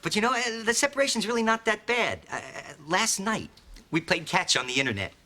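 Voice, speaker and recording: A man's voice: high voice, animated, fairly quick, noisy background. An actor playing a chatty, reassuring divorced father in a sitcom. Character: chatty, breezy divorced dad stranger. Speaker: sitcom character. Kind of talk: sitcom acting.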